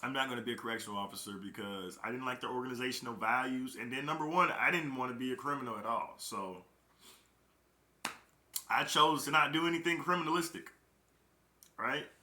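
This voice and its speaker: Emphatic young man, bright and roomy. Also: medium pitch, brisk. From Chicago, Illinois. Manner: emphatic, repeats key phrases. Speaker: network marketing recruiter. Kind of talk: casual motivational talk. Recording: roomy echo.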